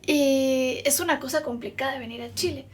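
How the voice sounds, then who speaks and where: Woman, Mexican accent, high-pitched voice, documentary interview, halting with repeated words, consulting room. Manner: hesitant, repeats words, long spoken lists. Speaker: patient interviewee.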